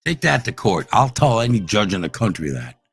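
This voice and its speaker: Brief: man, lowish voice, aggressive profane streamer rant, loud then growling. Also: big pitch swings, a little fast, vocal fry, breathy edge, dry recording. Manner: profane, aggressive, swings between shouting and low growls. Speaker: streamer ranting at online trolls. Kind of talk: heated livestream rant.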